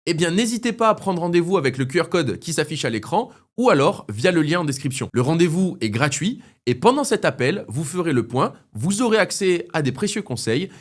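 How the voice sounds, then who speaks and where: A man hosting a relaxed finance video, chatting easily and pausing with hesitations as he introduces and comments. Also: on the high side. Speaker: host.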